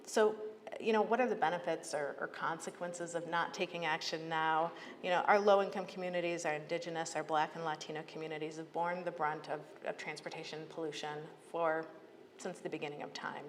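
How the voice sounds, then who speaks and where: With a deep, steady voice and a brisk pace, the American woman heading a public agency makes an emphatic, earnest case in her prepared advocacy speech at a conference. The hall echoes and background noise is clearly audible.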